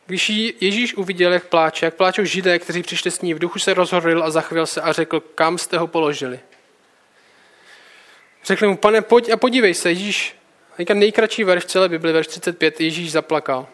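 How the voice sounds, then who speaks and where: Male preacher, high-pitched, alternates Bible reading with relaxed everyday commentary. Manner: reads scripture, then comments casually.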